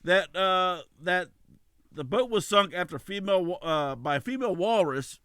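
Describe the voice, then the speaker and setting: A man's voice: sits high, animated, normal speed, fairly bright tone, smooth, no echo, studio quality. A man from El Salvador hosting a casual comedy news chat, reading stories loosely with stumbles and laughs. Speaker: podcast host.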